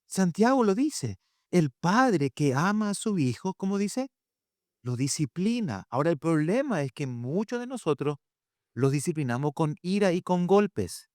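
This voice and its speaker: A man's voice: sits high, measured pace, dry recording, studio quality. A man preaching a sermon about parenting, telling stories and acting out quotes with a lot of animation. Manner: animated storytelling, acts out quotes. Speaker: pastor and family speaker.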